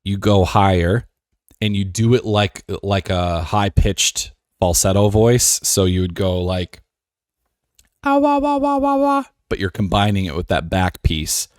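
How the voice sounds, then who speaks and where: A man's voice: deep voice, fairly even intonation, a little slow, no echo, studio quality. A man streaming a game live, talking casually with a joking, self-assured, rambling manner.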